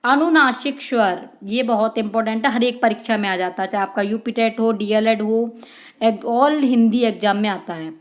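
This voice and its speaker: A woman's voice: fairly high pitch, normal speed. A woman teaching an exam-prep lesson, reading out questions and answering them and calling her viewers friends.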